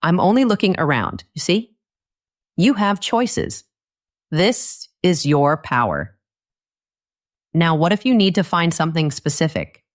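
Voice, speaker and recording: A woman giving a scripted English lesson for learners in a slow, gentle and encouraging way. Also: sits low, big pitch swings. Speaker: English teacher.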